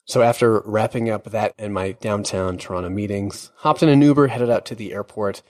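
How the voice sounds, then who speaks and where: Guy w lowish voice doing podcast host narration, scripted but conversational. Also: moderate pace.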